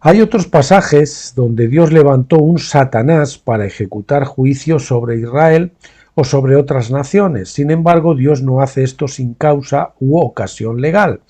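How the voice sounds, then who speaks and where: This Bible teacher has a warm voice of medium pitch. While reading a study aloud, he breaks off to define names and terms himself, adding asides and questioning tags to confirm his audience is following.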